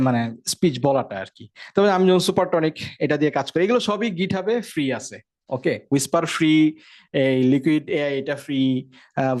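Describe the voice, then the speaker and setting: A man gives a casual tech lecture at a rapid clip. His voice sits a little high, and he keeps the tone conversational, often stopping to check that his listeners are following. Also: a little mellow. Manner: fast, conversational, frequent check-ins. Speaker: instructor.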